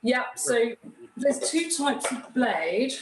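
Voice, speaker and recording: A woman's voice: fairly high pitch, lively intonation, slow pace. A woman giving an informal hands-on demonstration, explaining each step in a plain-spoken way. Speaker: guest craftsperson demonstrating a cutting machine. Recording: roomy echo with clear background noise.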